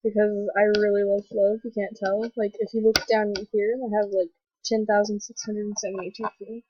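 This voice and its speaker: A young woman with a stuffy cold voice hosting a casual gaming commentary vlog, rambling excitedly with lots of fillers. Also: mid-range voice, brisk, slight background noise. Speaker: gaming video host. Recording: dull lo-fi voice recording.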